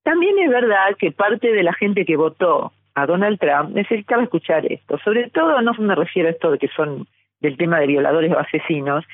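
A woman's voice: medium pitch, dry recording, phone-quality sound. Argentine lady on the phone, middle-aged, makes her case hard, thin dry line. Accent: Argentine Spanish. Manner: fluent, argumentative, explanatory. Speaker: guest, journalist and psychologist. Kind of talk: phone interview. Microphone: telephone.

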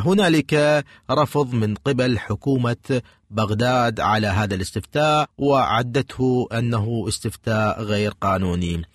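A man hosts a radio talk show, speaking in a formal, measured broadcast manner. His voice sits at an average pitch. The studio sound is close and dry. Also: no echo.

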